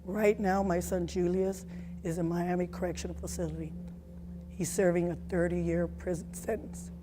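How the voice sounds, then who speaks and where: A woman in her forties giving a personal testimony as a mother, speaking in an earnest, emotional, halting way. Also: fairly low pitch, flat delivery.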